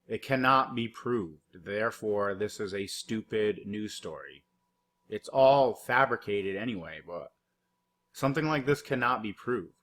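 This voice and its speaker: A man with a lowish, fairly bright voice mocks news clips in a rambling reaction commentary. He curses a lot and leans heavily on filler words, giving a profane, sarcastic take.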